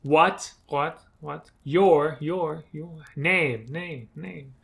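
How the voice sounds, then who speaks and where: Telepathic mind flayer put on by a male game master: do-it-yourself vocal echo, each word repeated softer, ventriloquist delivery. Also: a little high, steady tone, extremely slow, creaky, heavily acted. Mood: eerie. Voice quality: ventriloquist-style, lips held still. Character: telepathic mind flayer speaking without moving lips. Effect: echo made with the mouth, each word repeated softer.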